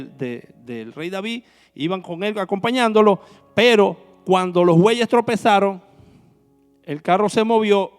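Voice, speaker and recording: A man's voice: high-pitched, clear, resonant tone, long reverb tail. A man preaching a sermon as minister, asking the congregation rhetorical questions. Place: church hall.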